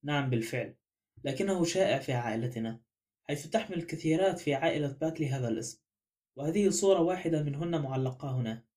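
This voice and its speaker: A man's voice: fairly high pitch, lively intonation, fast talker, a little mellow, lightly acted. A man voicing a flippant, stubborn young woman in an audiobook, with a light, mocking way of talking. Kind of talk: audiobook character reading.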